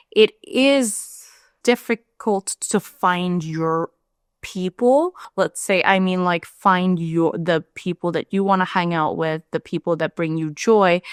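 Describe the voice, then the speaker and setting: A woman's voice: smooth, no echo, clean studio sound. A young woman from India, a vlogger talking candidly and chattily to camera. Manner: chatty and candid, lively rises in pitch. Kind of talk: casual talk to camera.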